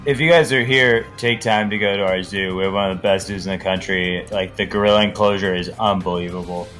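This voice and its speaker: A man's voice: sits low, steady tone, brisk, fairly bright tone. A man talking in an earnest, matter-of-fact way in casual chat on a trivia stream. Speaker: guest on stream. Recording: music playing faintly behind.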